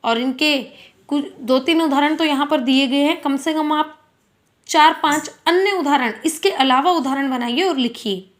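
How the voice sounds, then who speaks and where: A woman's voice: high voice, normal speed. A woman teaching a school grammar lesson, patiently asking questions and answering them herself. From India.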